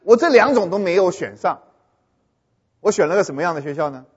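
A man giving a humorous talk to an audience, animated and often stopping to ask whether his listeners have understood. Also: sits high, a little fast, slightly rough. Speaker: speaker addressing an audience. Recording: dull long-reverb hall recording.

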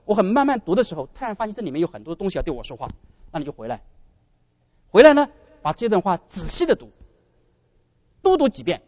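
A man preaching a sermon as pastor, animated and often addressing his brothers and sisters. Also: high-pitched, fast talker, pauses often, dry recording, lo-fi sound.

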